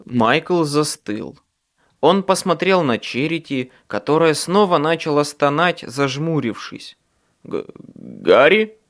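A man narrating an audiobook in first person with a dramatic, expressive delivery. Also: fairly high pitch, a little slow.

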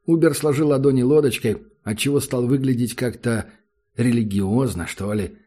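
Man narrating an audiobook in a mellow voice. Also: medium pitch, moderate pace. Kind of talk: scripted narration.

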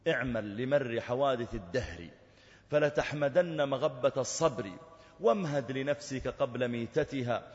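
Impassioned preacher in echoey hall. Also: male voice, mid-range voice, moderate pace. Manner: impassioned, swelling to loud emphasis. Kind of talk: sermon with storytelling. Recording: echoey hall, dull lo-fi sound.

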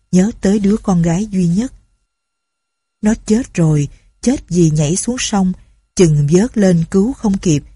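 Woman, storybook narration, mellow, husky, dry. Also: lowish voice, no echo.

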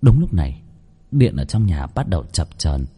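A man's voice: sits low, very animated, moderate pace, dark tone, breathy edge. A man narrating a horror story in a dramatic, suspenseful way.

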